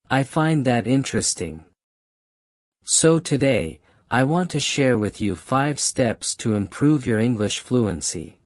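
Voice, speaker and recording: In a motivational talk to camera, a man from Hong Kong who speaks Cantonese natively offers his viewers language advice as the channel's host, hammering home key phrases. His voice is mid-range with a darkish tone, and the recording has no room sound.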